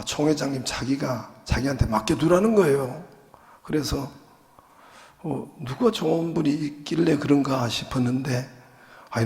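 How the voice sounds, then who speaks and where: A man's voice: mid-range voice, a little mellow. A male pastor preaching a sermon in a chatty, joking way, full of small fillers. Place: church sanctuary. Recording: long reverb of a church hall.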